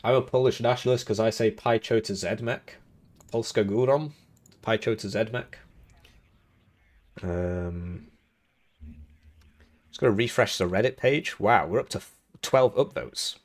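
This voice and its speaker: A young man with a fairly low voice hosts and casts a live game tournament stream, speaking at a measured pace with long pauses. He rambles casually through the match commentary, cracking jokes and chuckling between remarks.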